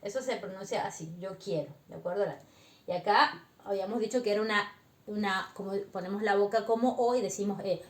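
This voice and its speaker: A woman teaching beginner French, explaining slowly and patiently and often checking that her students follow. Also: medium pitch, echoey room. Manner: slow, patient explaining with frequent check-ins. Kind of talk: beginner language lesson.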